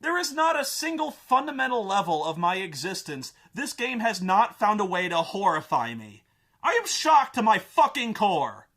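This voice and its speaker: A man narrates a comedic game review, ranting with sarcastic disbelief and plenty of swearing. His voice sits fairly high and swings widely in pitch. It has a bright, forceful edge. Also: sing-song, moderate pace. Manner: ranting, profane, incredulous.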